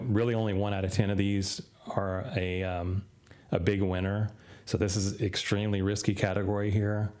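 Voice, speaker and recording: Man, very low voice, hoarse and fading, frequent throat clearing, casual screen-share walkthrough, loose unhurried delivery. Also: darkish tone. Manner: unhurried, loose, full of "uh" and "you know". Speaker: crypto trading channel host.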